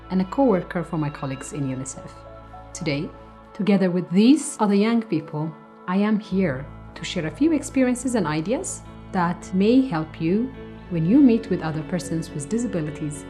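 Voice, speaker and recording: A woman from Africa presenting a training module in calm, scripted narration. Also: fairly low pitch, moderate pace, faint music behind.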